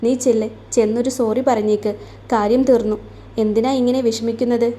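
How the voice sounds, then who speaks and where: A sensible young man in a storybook romance, lecturing calmly, as a woman narrator reads his part. The voice stays mellow and flat. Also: on the high side, fairly quick, close to an everyday voice. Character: young man, reasonable older brother.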